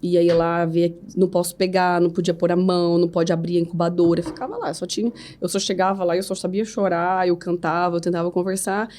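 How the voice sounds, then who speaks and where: A Brazilian woman in her thirties speaks as a podcast guest, giving an earnest, faith-filled personal testimony. Her voice sits a little low and sounds soft and warm. She keeps checking in with the listener as she talks. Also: fairly even intonation, fairly quick, few pauses, slight background noise. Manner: earnest, faith-filled storytelling with frequent "né?" tags.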